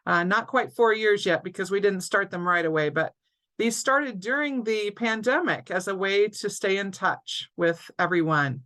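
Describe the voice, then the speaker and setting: Host, female; crisp bright voice, runs through housekeeping before the interview on a video call. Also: mid-range voice, poor audio. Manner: clear, orderly housekeeping announcements. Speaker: alumni director, interview host. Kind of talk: scripted webinar introduction. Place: home or office, online webinar.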